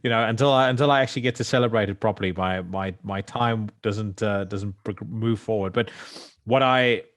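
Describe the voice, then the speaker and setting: A man's voice: fairly low pitch, brisk. A man in his forties hosting a podcast interview, casual and stammering, often repeating words. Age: 40s. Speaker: podcast host.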